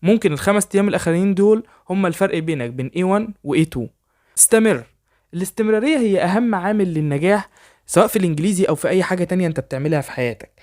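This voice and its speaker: A man with an Egyptian Arabic accent teaching an online English lesson for beginners. He talks in an encouraging, motivational way, repeats phrases in lists, and says the English example sentences slowly and carefully. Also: sits high, lively intonation, darkish tone.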